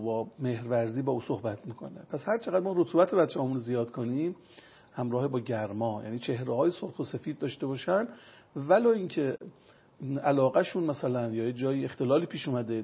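Gravelly, raspy man explaining medicine. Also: mid-range voice, animated. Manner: lecturing with everyday examples. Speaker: traditional medicine consultant. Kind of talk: explanatory interview talk. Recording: dull lo-fi recording.

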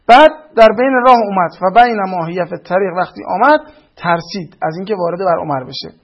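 A man who comments critically on film clips, arguing his case and citing sources. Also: sits high. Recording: dull lo-fi audio.

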